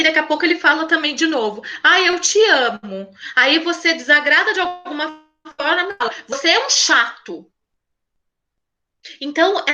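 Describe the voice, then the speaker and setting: A woman educator talks to a group of parents in a high, bright, lively voice. She keeps it conversational and checks in with frequent little tag questions. Now and then she acts out a child's words in her examples. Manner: conversational, asks "né?" often. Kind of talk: talk at a parents' school session.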